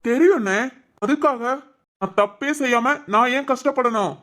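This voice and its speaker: A woman plays an earnest young cartoon groom with a southern Tamil Nadu accent. He sounds firm and pleading, in a voice set a little high for a man. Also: moderate pace, fairly bright tone, close to an everyday voice. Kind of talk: cartoon voice acting.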